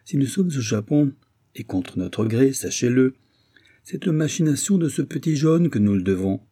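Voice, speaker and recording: A man reading aloud as an aged French marquis, grave and measured in an audiobook. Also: mid-range voice, animated, mellow, slightly rough, pitched above the performer's own voice. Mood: earnest.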